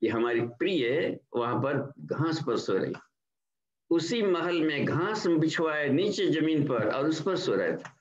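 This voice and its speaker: Older guy teaching a spiritual class, slow and explanatory, drops english words in, muffled echoey online audio. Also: a little high, animated. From India. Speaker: spiritual trainer. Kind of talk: devotional lecture.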